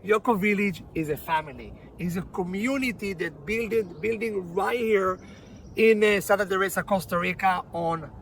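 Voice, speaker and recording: A man's voice: high voice, moderate pace, vocal fry, slight background noise, low-quality recording. A man hosting a podcast interview outdoors, chatty and often repeating words as he searches for phrasing. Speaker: podcast host. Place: outdoors on a property.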